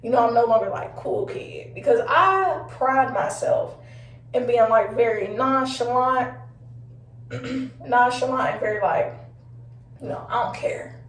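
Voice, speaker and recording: A young woman telling a casual storytime to her viewers, animated and chatty, talking to them as y'all with frequent laughs. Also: fairly high pitch, measured pace, recorded from a distance. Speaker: vlogger. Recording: roomy echo, voice off-mic.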